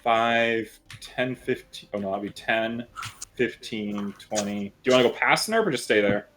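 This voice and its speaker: A man's voice: on the low side, normal speed, fairly bright tone, a little hiss or hum, low-quality recording. A man running a tabletop game as game master, narrating loosely with casual swearing. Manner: loose, profane, laughing narration.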